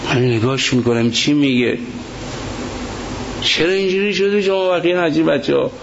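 A male cleric delivering a fiery religious sermon, impassioned and quoting scripture, rising to shouts. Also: on the high side, creaky. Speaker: cleric preacher. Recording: dull lo-fi sound with faint noise.

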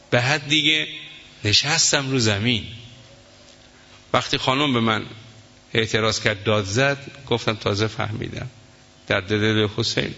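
A man's voice: medium pitch, sharp tone. A man preaching a sermon, telling an emotional story and voicing the people in it. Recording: echoey hall, dull lo-fi sound.

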